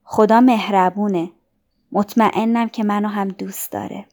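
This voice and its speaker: A woman voicing a gentle young girl who is dying, speaking softly, mildly and calmly. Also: mid-range voice, lightly acted. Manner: soft, mild and calm.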